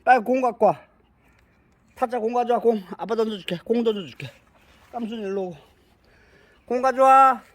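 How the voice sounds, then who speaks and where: A man's voice: very high voice, moderate pace, pauses often, no room sound. A man playing with his dogs outdoors, coaxing and scolding them in baby talk and calling himself their dad. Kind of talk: casual talk to pets. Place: outdoors in a garden plot.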